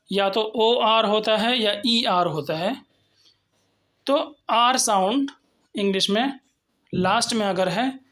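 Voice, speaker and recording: A woman's voice: medium pitch, fairly bright tone. A woman teaching phonetics in a recorded lesson, explaining patiently and repeating example words. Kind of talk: recorded lecture with slides.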